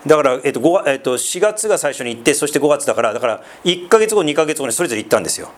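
A man's voice: a little high, sing-song, very fast. A man from northeastern Japan, a pastor, giving a chatty, conversational sermon full of asides and tag questions. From Sendai, northeastern Japan.

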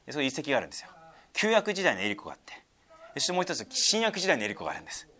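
A man's voice: medium pitch, huge pitch swings, very fast, bright, forceful tone. A man preaching a sermon in a conversational way, explaining scripture with casual asides and fillers. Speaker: pastor.

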